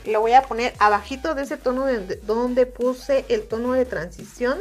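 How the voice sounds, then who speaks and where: Woman, Mexican Spanish accent, high pitch, calm step-by-step makeup tutorial, soft music underneath. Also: moderate pace. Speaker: makeup reviewer.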